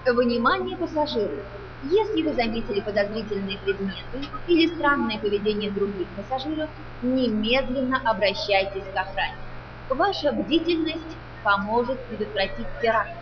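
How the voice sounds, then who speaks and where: A high female voice makes formal airport-style announcements for a sci-fi game spaceport. She is measured and impersonal. The sound is muffled, with loud noise around it. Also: big pitch swings. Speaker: spaceport public-address announcer.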